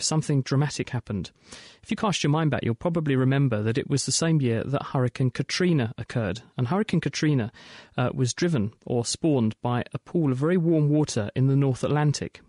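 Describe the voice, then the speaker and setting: A British man presents a science programme in a bright, curious manner. His mid-pitched voice sits in a dry studio sound as he explains things clearly to listeners. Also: no room sound. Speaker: science show host. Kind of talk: scripted science radio presenting.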